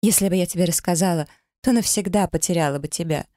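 A man's voice: normal speed, vocal fry, no room sound, studio quality. A man voicing a young deceitful wife who pleads, sobs and shrieks in a raised voice, in an audiobook reading. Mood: shrieking. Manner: pleading, sobbing, shrill.

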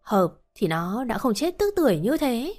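Woman reading as a gruff old village woman, scolding and blunt, faint music behind, storybook reading. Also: fairly high pitch, very animated, unhurried, darkish tone.

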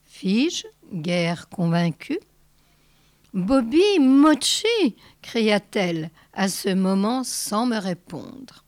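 A woman reading a short story aloud in a measured narrating voice with careful pauses. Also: a little high, darkish tone, no echo, studio quality. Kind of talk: read-aloud literary narration.

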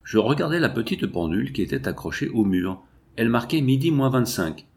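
A man reading a novel aloud as an audiobook, in steady, measured narration. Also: mid-range voice, vocal fry. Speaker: audiobook reader. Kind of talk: literary narration.

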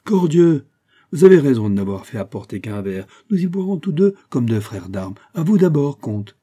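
A man reading aloud, voicing a boisterous, swaggering noble duke who swears hearty oaths and talks loudly. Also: medium pitch, fairly quick, breathy edge, voice pushed up, close to an everyday voice. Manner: blustering, oath-swearing, loud and hearty.

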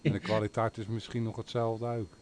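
A man's voice: lowish voice, little pitch movement, fairly quick, crowd noise. A man hosting a radio call-in show, chatting casually about his equipment with fillers. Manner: chatty, talks gear at length with fillers. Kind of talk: casual on-air chat.

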